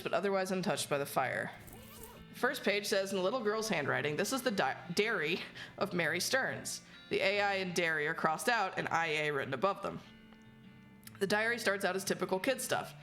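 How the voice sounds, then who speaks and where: A woman's voice: medium pitch, lively intonation, a little fast, a bit bright, soft background music. A woman game streamer reading on-screen text aloud and giving casual, wry, sometimes sweary live commentary.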